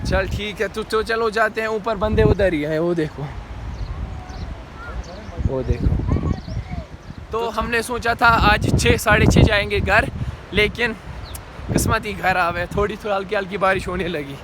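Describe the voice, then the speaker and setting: A man's voice: sits high, a little slow, long pauses, very noisy. A young man chatting casually as he narrates a travel vlog while walking outdoors in the mountains, recorded on a handheld phone. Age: young adult. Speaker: vlogger.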